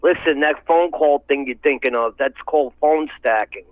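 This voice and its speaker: A man's voice: fairly high pitch, moderate pace, no echo. Male caller, casual talk, strangled and strained delivery, thin muffled phone sound. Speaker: caller to an MMA talk show. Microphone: phone line.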